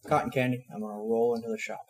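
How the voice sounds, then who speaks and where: A man's voice: medium pitch, level tone, fast talker, darkish tone. A man talking casually as a player in a tabletop game, with easy banter.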